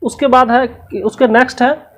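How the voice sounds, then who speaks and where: A woman's voice: a little high, steady tone, moderate pace. A woman teacher going through a textbook lesson's questions, explaining each answer step by step and repeating the key words.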